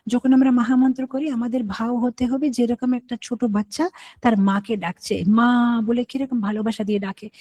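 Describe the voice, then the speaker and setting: A woman gives a devotional scripture class, telling stories and slipping into the voices of the people in them. Her voice sits fairly high but sounds mellow and warm. The recording is dry and close. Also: breathy edge, no echo, low-quality recording. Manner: storytelling, acts out quoted voices with English words mixed in. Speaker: preacher giving a scripture class.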